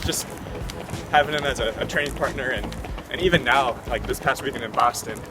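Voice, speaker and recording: A young American man in his twenties answers interview questions casually while running, in halting phrases. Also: medium pitch. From Ohio, United States. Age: 20s. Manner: talking while running outdoors. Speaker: professional runner being interviewed. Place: outdoors, on the move. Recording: outdoor, distant mic under loud music.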